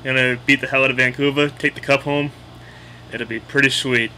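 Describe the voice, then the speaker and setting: A man's voice: medium pitch, steady tone, fairly quick, bright, forceful tone, slight background noise, poor audio. A man with a Boston accent casually explaining local slang in a blunt, opinionated, sweary way. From Boston area, United States.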